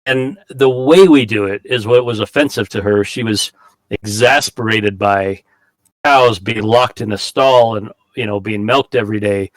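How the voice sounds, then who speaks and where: A man's voice: lowish voice, normal speed, dry recording, poor audio. A man from the United States, speaking in a casual round-table discussion. He tells reflective stories and often restarts his sentences.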